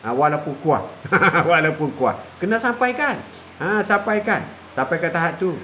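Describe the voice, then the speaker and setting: A man's voice: a little high, big pitch swings, sharp tone, a little hiss or hum. An older man giving a live religious talk, repeating phrases, saying "ha" often and chuckling. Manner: repetitive, drawn-out, punctuated with "ha" and chuckles. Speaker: preacher.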